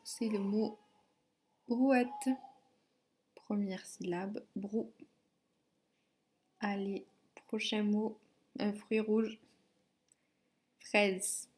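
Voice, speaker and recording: A woman teacher giving a phonics and spelling lesson to a child, dictating syllables slowly and clearly. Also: medium pitch, darkish tone. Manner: slow, clearly articulated dictation.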